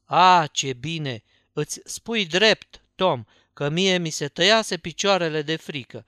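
A jittery, frightened boy voiced by a man reading aloud, urging and pleading in hushed, anxious tones. The voice is bright and crisp, a little high, recorded dry and close. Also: no room sound. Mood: scared. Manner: anxious pleading whisper-talk. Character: frightened scrappy young boy, Huckleberry.

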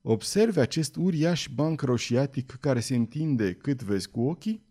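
A man's voice: mid-range voice, animated, dark tone, natural voice. A man reading an audiobook, voicing a refined woman, the ship owner's wife, in a raised, curious tone.

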